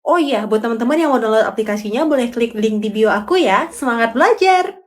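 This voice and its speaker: A woman's voice: fairly high pitch, animated, a little fast. A young woman content creator closing her video with a friendly, upbeat note to viewers. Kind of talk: casual sign-off to viewers.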